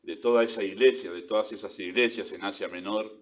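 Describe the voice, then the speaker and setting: Male Argentine pastor, lower register, earnest expository preaching with rhetorical tag questions. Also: fairly even intonation, a little fast. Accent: Argentine Spanish. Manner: earnest preaching, stresses key words, rhetorical "¿sí?" and "¿no?". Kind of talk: sermon.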